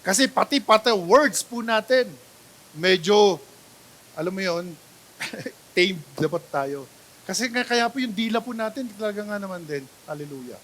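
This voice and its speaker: A Filipino pastor preaching in a church, his voice high and bright. He keeps checking with the congregation, asking "di ba?" and "right?". He swings from loud exclamations to soft asides. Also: expressive, moderate pace, a little hiss or hum. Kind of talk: sermon, Taglish preaching. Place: church sanctuary.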